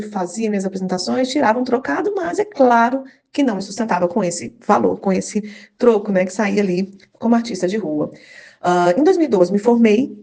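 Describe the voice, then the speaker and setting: A woman, teaching a live online class. She talks quickly and keeps up a chatty, encouraging flow, often checking in with her listeners through a video-call microphone. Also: mid-range voice, gravelly, mellow. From Minas Gerais, Brazil. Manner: chatty and encouraging, with frequent tag questions to the class. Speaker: workshop instructor and cultural producer.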